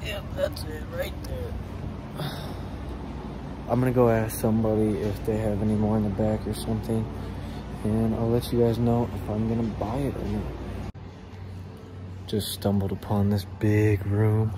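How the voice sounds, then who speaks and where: A young male vlogger chats casually to the camera, thinking out loud in slangy speech with a bit of swearing. His voice is fairly low and fairly even, at a normal speed with frequent pauses. The handheld recording has clear background noise.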